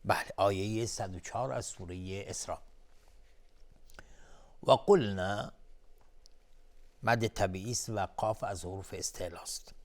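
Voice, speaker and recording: A man teaching Quran recitation rules on a broadcast lesson, explaining tajweed between slow chanted verses. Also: low-pitched. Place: television studio.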